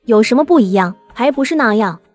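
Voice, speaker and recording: A caring mother, played by a woman in a cartoon drama. Her voice is fairly high and her manner is fussing and concerned, with faint music behind her. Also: expressive, brisk, lightly acted.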